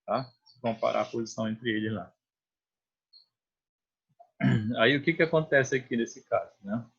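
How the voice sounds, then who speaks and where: A husky-voiced Brazilian man teaching math in a relaxed, conversational way. He keeps checking that students follow and restarts phrases as he works through each step. The audio is dull and lo-fi, like an online class recording. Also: mid-range voice, normal speed. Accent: Brazilian Portuguese. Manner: explains step by step, often checks with "né?" and "tá?".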